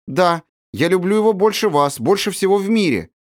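Man doing an earnest little orphan girl, honest, serious, higher voice, audiobook. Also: sing-song, a little fast, no echo, clean studio sound. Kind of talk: audiobook character voice.

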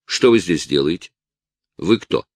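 A man's voice: low voice, lively intonation, unhurried, darkish tone, dry recording, studio quality, voice pushed down, heavily acted. A man voicing a suspicious, officious hospital nurse who questions and orders curtly. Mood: stern. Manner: curt, interrogating.

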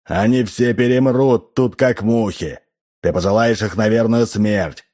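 A man's voice: lowish voice, a little slow, a little mellow, voice pushed up. A man reading an audiobook, voicing a weary, embittered male station chief who speaks bluntly. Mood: bitter. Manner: blunt, bitter.

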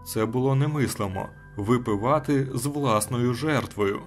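A man narrating a short story as an audiobook in a steady, measured way. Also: mid-range voice, soft background music.

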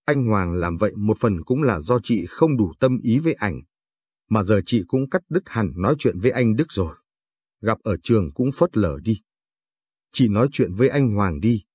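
A man voicing a meek, self-blaming pregnant young wife in a storybook reading, softly reassuring. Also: fairly low pitch, expressive, normal speed, husky, no room sound, clean studio sound. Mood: resigned. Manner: soft, resigned reassurance.

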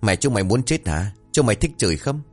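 A man's voice: on the low side, very animated, fast, darkish tone, husky, faint music behind. A man voicing a big, hot-tempered young villager who threatens the pranksters. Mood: furious. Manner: angry and threatening.

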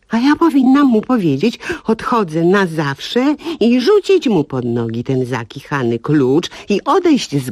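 Porzuconą kobietę, gorzko rozbawioną. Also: female voice, sits low, darkish tone, no echo, studio quality. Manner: wry, rueful, bursts of bitter laughter. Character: jilted woman laughing through her misery. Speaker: cabaret actress. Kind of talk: comic radio monologue.

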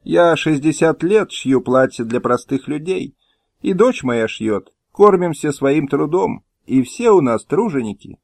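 Man voicing old male tailor, weary, resigned, high pleading voice, dry close sound. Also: animated, unhurried, creaky, a little mellow, no room sound, full character voice. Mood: sorrowful. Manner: pleading, sorrowful.

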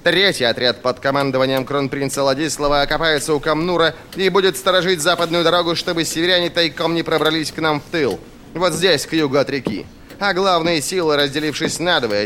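A man's voice: fairly high pitch, a little fast, sharp tone, a little hiss or hum, pitched above the performer's own voice. A man voicing a stern, curt older army commander in an audiobook, speaking bluntly and with authority. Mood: commanding.

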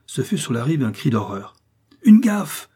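A man narrating a classic novel as an audiobook, reading in a measured, steady storytelling manner. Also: mid-range voice, slightly rough.

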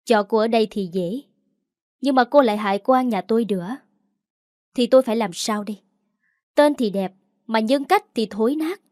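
A woman's voice: a little high, normal speed, long pauses, darkish tone, no echo, studio quality, close to an everyday voice. A woman voicing a scornful, contemptuous older woman of the house.

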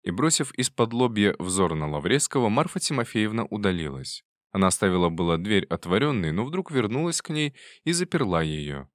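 A man narrating a classic novel in a measured, even manner. His voice sits low. The recording is dry and close, with no room sound. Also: dry recording. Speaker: audiobook reader. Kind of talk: scripted literary narration.

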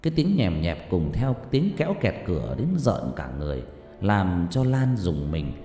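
An audiobook storyteller narrates a horror story in a dramatic, suspenseful way, his low-pitched voice very animated and dark in tone. He keeps a moderate pace, and the narration is reverb-heavy with faint music behind it.

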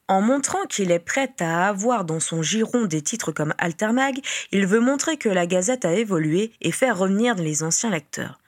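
A woman's voice: mid-range voice, no room sound, clean studio sound. Woman reading a story steadily. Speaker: reader. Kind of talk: fan fiction audiobook narration.

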